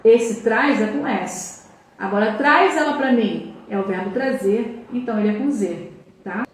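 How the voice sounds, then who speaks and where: A Brazilian woman gives a grammar lesson, her fairly high voice ringing through a very echoey room. She sounds set back from the mic, pausing to check in and repeating word pairs slowly. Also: recorded from a distance. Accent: Brazilian Portuguese. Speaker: Portuguese language teacher.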